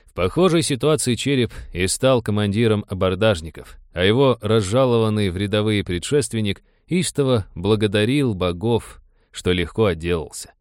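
A man reads a science fiction story as scripted audiobook narration, with a steady, wry delivery. His voice is fairly low. The sound is dry and close, with no room echo. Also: normal speed.

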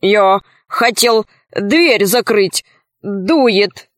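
A woman's voice: mid-range voice, lively intonation, drawn-out words, no room sound, studio quality, voice pushed down. A woman voicing a sly, cowardly male wolf who whines and wheedles out of trouble in a storybook reading. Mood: wheedling. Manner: pleading, self-pitying, wheedling.

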